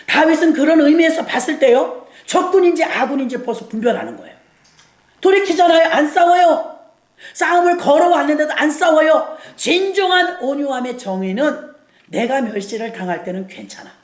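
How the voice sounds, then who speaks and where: A woman's voice: high voice, lively intonation, moderate pace. A woman guest pastor preaching a sermon in a church, emphatic, repeating key lines and calling for amens. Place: church sanctuary. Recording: roomy church hall echo.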